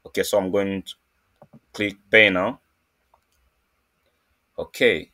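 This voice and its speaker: Zambian guy demoing code on screen, lowish voice, lots of uhs and restarts. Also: fairly even intonation, sharp tone. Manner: halting, many fillers and restarts. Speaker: programming tutorial host. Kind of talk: casual screen-recorded coding tutorial.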